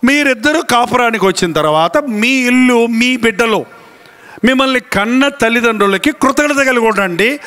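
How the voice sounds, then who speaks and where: Casting note: male pastor, bright and high, animated storyteller who stretches words for emphasis. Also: moderate pace. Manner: animated storytelling, acting out voices and animal sounds. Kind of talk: sermon.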